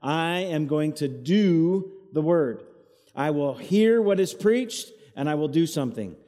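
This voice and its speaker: A man's voice: fairly high pitch, animated, unhurried, dark tone. Preacher man echoing like in a cave. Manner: call-and-response preaching, has the crowd repeat after him. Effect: cave-like echo. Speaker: associate pastor. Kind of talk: sermon. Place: church hall, evening service. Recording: echoey church hall, cave-like reverb.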